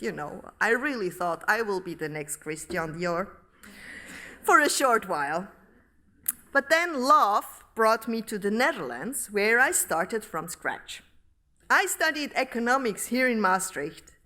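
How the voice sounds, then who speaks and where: A middle-aged woman from Switzerland, giving a formal academic lecture at a podium microphone in a large hall, reading in a measured, deliberate way. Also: fairly high pitch, sharp tone. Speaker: professor giving inaugural lecture.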